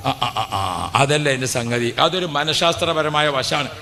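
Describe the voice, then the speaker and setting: High, bright-voiced preacher in a hall. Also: male voice, normal speed. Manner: emphatic, repeats phrases, asks the audience questions. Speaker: Islamic preacher. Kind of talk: humorous religious sermon.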